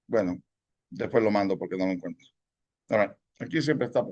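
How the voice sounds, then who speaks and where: A man's voice: on the low side, brisk, darkish tone, lo-fi sound. A man from El Salvador teaching a Sunday school class at church, speaking conversationally and often checking in with his listeners. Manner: mixes in English words.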